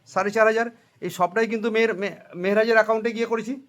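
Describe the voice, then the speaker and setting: A man's voice: high voice, fairly even intonation, fast, fairly bright tone, highs cut off. A man teaching accounting to a class, questioning students and having them repeat answers, with English and Hindi phrases mixed in. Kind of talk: classroom lecture with call-and-response.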